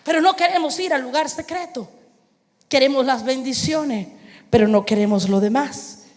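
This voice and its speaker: A woman's voice: high voice, moderate pace, a little mellow, a little hiss or hum. A woman preacher delivering a fervent sermon, firing rhetorical questions and calling for responses from the congregation. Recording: long reverb of a large hall.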